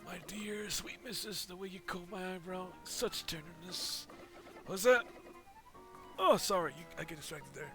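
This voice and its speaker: A man's voice: on the high side, expressive, moderate pace, gravelly, long pauses, music in the background, pitched above the performer's own voice. A man voicing a forgetful old male turtle who rambles and keeps losing his train of thought. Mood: rambling.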